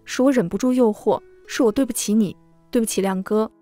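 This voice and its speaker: A woman's voice: on the high side, fairly quick, dark tone, faint music behind, close to an everyday voice. A woman voicing a desperate man who keeps begging forgiveness in a read-aloud story, in a plain self-abasing manner. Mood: pleading. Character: pleading, groveling man who wronged the narrator.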